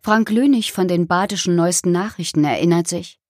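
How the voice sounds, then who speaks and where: A woman's voice: on the low side, brisk, darkish tone, no room sound, studio quality. A woman telling a true-crime story in scripted first-person narration.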